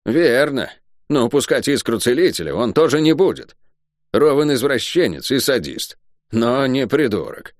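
A man's voice: mid-range voice, sing-song, moderate pace, dry recording, studio quality, voice pushed up, close to an everyday voice. A man voicing a scornful, menacing cursed sorceress in an audiobook. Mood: mocking. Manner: mocking, sinister.

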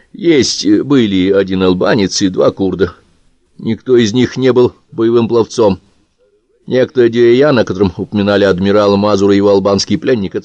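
A male audiobook reader voicing a composed head of an anti-terror agency who reports in a dry, measured way. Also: lowish voice, darkish tone, no echo, highs cut off, natural voice. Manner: dry, measured, matter-of-fact. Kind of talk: audiobook character reading.

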